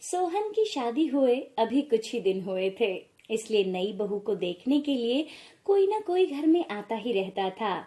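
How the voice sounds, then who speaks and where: A woman reads scripted narration for an animated story. Her voice is high and her delivery steady and plain. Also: a little slow.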